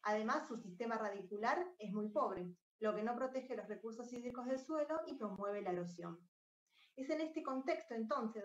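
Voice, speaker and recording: A woman's voice: fairly high pitch, slight background noise. Woman presenting on a roomy, distant call. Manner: clear, explanatory, lightly scripted. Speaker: R&D lead presenting a startup. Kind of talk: startup pitch presentation. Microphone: video call. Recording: roomy, distant, dull video-call audio.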